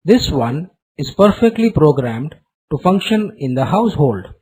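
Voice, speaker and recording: A man playing a short, narrow-eyed salesman who delivers a slick sales pitch like a recorded program. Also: very animated, measured pace, a little mellow, slightly rough, exaggerated voice. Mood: smooth selling.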